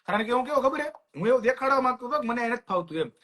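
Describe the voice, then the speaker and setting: A man's voice: extremely high pitch, rapid-fire. A man, telling childhood stories in casual chat and acting out other people's lines. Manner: lively anecdotes, acts out classmates' lines. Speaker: podcast co-host.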